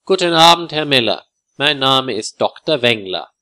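A man voicing a polite male hotel doctor who gives formal, calm advice in a storybook reading. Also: medium pitch, normal speed. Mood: courteous.

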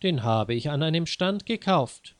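A young woman accused of theft, voiced by a male narrator, speaking slowly and plainly. Her lines stay close to his own low, dry voice. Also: clear, resonant tone, no echo. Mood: calm. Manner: indignant, then calm.

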